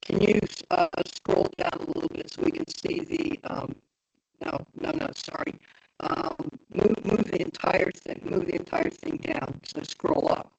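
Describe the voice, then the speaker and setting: A woman's voice: medium pitch, lively intonation, measured pace, darkish tone. A woman in a remote meeting whose call audio is garbled and breaking up. She asks questions and directs the slide view step by step. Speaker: meeting participant asking questions. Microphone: remote video call. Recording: garbled distant call line, raspy.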